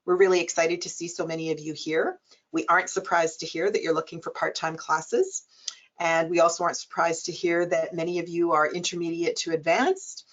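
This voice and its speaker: A woman's voice: fairly low pitch, steady tone, fairly quick. A woman who directs a college program, welcoming attendees to a webinar in a friendly, hesitant way. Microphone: video call. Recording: dull lo-fi call audio.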